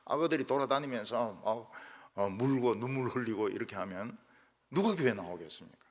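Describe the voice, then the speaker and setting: An older man preaching a sermon as pastor, telling stories with lively asides and mimicking how people quarrel in regional dialects. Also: mid-range voice, a little fast. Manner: animated storytelling, acts out quarrels in regional dialects. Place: church sanctuary. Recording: reverberant church hall.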